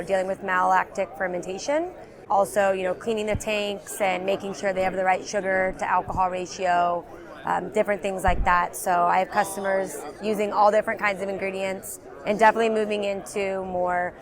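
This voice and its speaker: A woman working as a beverage sales representative, explaining ingredients in a trade show interview, with frequent ums and you-knows. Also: medium pitch. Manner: explanatory, many fillers like um and you know.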